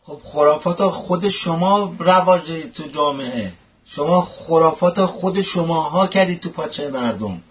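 A man's voice: a little high, lively intonation, highs cut off, a little hiss or hum. A man hosting a political commentary show, mocking and scornful as he tells stories and introduces clips.

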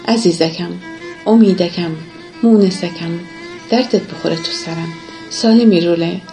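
A woman voicing a tender, grieving mother who speaks softly and hushed in a narrated story. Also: lowish voice, soft background music, close to an everyday voice. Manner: soft, hushed pleading. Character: weeping, tender middle-aged mother.

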